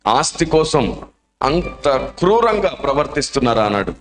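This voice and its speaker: A man's voice: mid-range voice, very animated, moderate pace, fairly bright tone. A male preacher telling a testimony story in a dramatic, emotional sermon style. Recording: echoey room.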